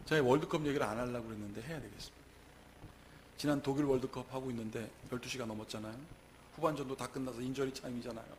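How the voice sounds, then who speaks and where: A male pastor preaching a lively sermon, acting out quoted lines and rising to shouts at the peaks. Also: mid-range voice, rapid-fire, a little hiss or hum. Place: church sanctuary.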